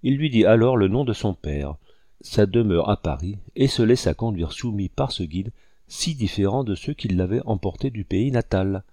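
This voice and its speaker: A man reading a story aloud in steady, measured scripted narration. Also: fairly low pitch, no room sound, clean studio sound. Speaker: audiobook reader.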